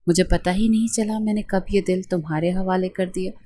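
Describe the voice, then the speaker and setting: A woman's voice: fairly low pitch, steady tone, dark tone, natural voice. A woman voicing a young husband earnestly confessing his love to his wife in a storybook reading. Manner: earnest, heartfelt.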